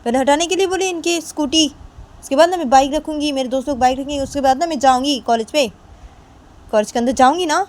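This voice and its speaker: A woman's voice: lowish voice, measured pace, long pauses, a little mellow. A woman voicing a bossy, threatening female college bully who keeps jabbing listeners with demanding questions. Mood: furious, shrill. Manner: bullying, keeps tacking on "हाँ?".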